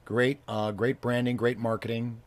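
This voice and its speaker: A man co-hosting a casual chat show, talking haltingly with many fillers and restarts. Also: medium pitch, level tone, dry recording. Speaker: co-host.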